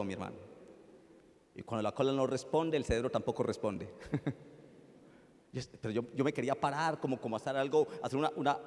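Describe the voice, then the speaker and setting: A man with a Colombian accent, a pastor preaching a sermon and telling a story, swinging from loud pleading to hushed tones. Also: mid-range voice, long reverb tail.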